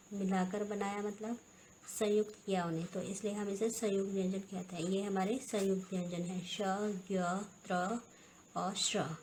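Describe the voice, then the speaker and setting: Woman teacher explaining slowly. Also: mid-range voice, darkish tone, a little hiss or hum, low-quality recording. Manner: slow explanatory, repeats terms, asks and answers own questions. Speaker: school teacher. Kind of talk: recorded grammar lesson.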